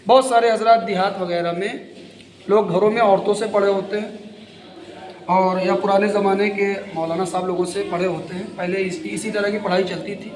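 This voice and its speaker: A fairly high-voiced man with an Indian Hindustani accent gives a slow, repetitive reading lesson. He spells out each letter and vowel mark patiently. The room is echoey, with a long reverb tail. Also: steady tone, darkish tone. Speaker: Quran reading teacher.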